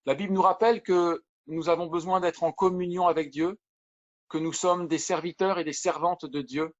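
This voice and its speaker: Pastor guy, highish voice, earnest sermon, restarts a lot, kinda muffled sound. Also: fairly even intonation, moderate pace. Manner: earnest preaching with frequent restarts, reads scripture and testimony aloud. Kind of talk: video sermon.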